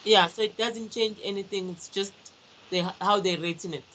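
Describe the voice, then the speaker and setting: A woman's voice: mid-range voice, steady tone, normal speed, fairly bright tone, a little hiss or hum, low-quality recording. Female student, medium voice, brief hesitant replies to her tutor. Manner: brief, tentative answers. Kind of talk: answering a tutor's questions.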